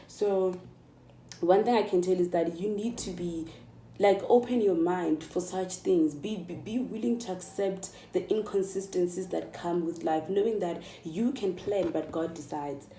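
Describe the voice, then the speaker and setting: The speaker is a woman with a somewhat low, mellow voice who takes her time, with a little background noise audible. She's a South African vlogger in her mid-twenties giving viewers casual, emphatic encouragement and repeating phrases to stress them. The recording sounds distant and echoey.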